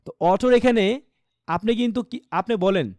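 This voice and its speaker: A Bangladeshi-accented man teaching an English pronunciation class, with a fairly high voice in a dry, close recording. He switches between two languages, repeats phrases, and puts questions to his students. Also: normal speed, darkish tone, no echo. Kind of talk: online class lecture.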